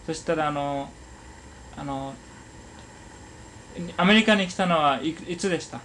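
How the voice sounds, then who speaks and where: A man conducting an oral history interview, asking polite, halting questions and giving frequent small acknowledgements. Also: a little high, fairly bright tone, a little hiss or hum, poor audio. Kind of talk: gentle question-and-answer interview.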